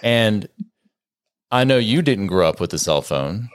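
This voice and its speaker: A man in his forties, co-hosting a parenting podcast in a relaxed, conversational way with joking asides. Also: on the low side, unhurried, smooth, no room sound, clean studio sound. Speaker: podcast co-host and co-parenting educator. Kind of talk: casual podcast chat.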